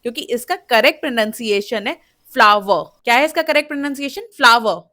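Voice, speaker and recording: A woman's voice: high-pitched, fairly bright tone. Woman teaching pronunciation. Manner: repeats words slowly to drill them. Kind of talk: explanatory lesson.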